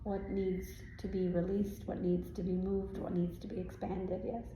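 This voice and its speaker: A woman's voice: fairly low pitch, level tone, normal speed, mellow, natural voice. A woman speaking as a trance medium voicing a serene spirit guide, with stilted formal phrasing and frequent questioning tags, giving spiritual guidance at a live event. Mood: serene, instructive. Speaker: trance channeler answering audience questions. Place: indoor live event room. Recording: roomy live event sound, faint noise.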